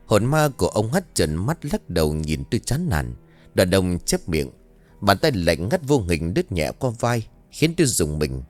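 A man narrating a horror-comedy story in first person, in a lively, expressive way. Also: low-pitched, normal speed, faint music behind.

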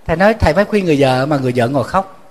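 A man preaching as a Buddhist monk, his voice sitting a little high. He tells the story in a lively way and slips into the voices of the people in it. He often repeats a word several times before going on. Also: rapid-fire. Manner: storytelling, acting out quoted voices with rising pitch; repeats words when restarting. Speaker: Buddhist monk giving a dharma talk. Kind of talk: sermon.

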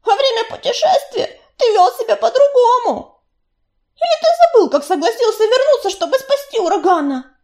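Woman doing a young warrior she-cat, storybook audiobook, high shrill voice, swoops up and down, stubborn and pleading. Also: expressive, moderate pace, a little mellow. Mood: angry hurt.

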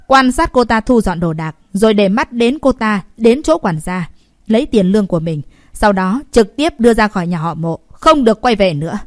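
A woman's voice: medium pitch, expressive, brisk, no echo, clean studio sound, close to an everyday voice. A woman voicing a stern young woman who gives firm, cold orders in a storybook reading.

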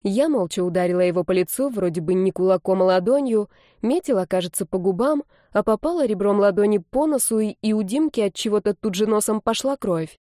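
A woman narrating a story in the first person with expressive storytelling. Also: mid-range voice, a little fast, no echo, studio quality.

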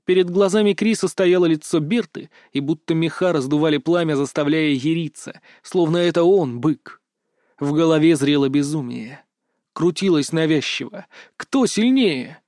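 A man narrating a fantasy audiobook in an even, measured storytelling voice, recorded close to the mic. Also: on the high side, no echo.

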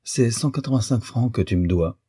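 A man doing a hurried, chattering seamstress. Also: medium pitch, mellow, husky, no echo, clean studio sound, voice pushed up, lightly acted. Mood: brisk. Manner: brisk and chattering, then teasing. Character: hurried bustling woman dressmaker, sharp-tongued.

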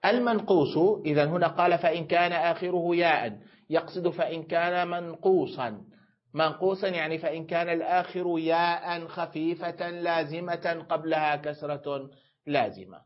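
A male grammar teacher with a higher voice gives a classroom lesson, explaining step by step and posing questions he then answers himself. He lingers on words, stretching them out slowly when spelling out forms. The lecture recording is dull, muffled and lo-fi.

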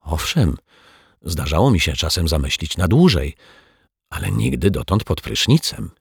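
A man's voice: very deep voice, sing-song, normal speed, vocal fry, husky, dry recording, clean studio sound, heavily acted. A man voicing a dreamy, absent-minded detective in a children's audiobook, puzzled and earnest.

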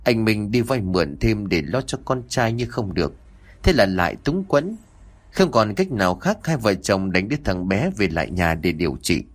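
A man narrating an audio story with expressive, dramatic emphasis. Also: lowish voice, moderate pace.

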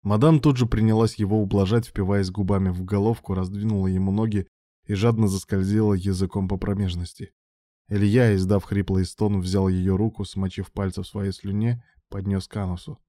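A man narrates an audiobook in a steady storytelling manner. His voice sits low and mellow. The close-mic recording is dry. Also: fairly quick, no room sound. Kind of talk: scripted narration.

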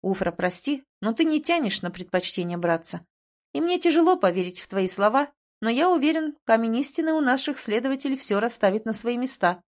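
A woman's voice: fairly high pitch, natural voice. A woman voicing a stern, businesslike young prince who is the older brother.

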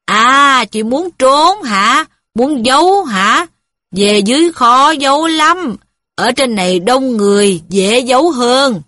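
A man's voice: high-pitched, lively intonation, a little slow, fairly bright tone, no echo, exaggerated voice. A woman voicing a kindly, plain-spoken middle-aged male worker who talks in an earnest, folksy way. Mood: needling.

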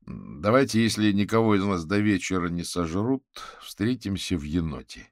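Man reading a calm, dry sorcerer detective. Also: deep voice, moderate pace, no room sound, pitched above the performer's own voice.

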